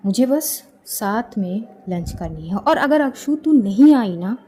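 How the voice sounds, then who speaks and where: A woman's voice: a little high, expressive, unhurried, dark tone, slight background noise. A woman voicing a bossy young woman friend who insists firmly. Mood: insistent. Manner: insistent, firm.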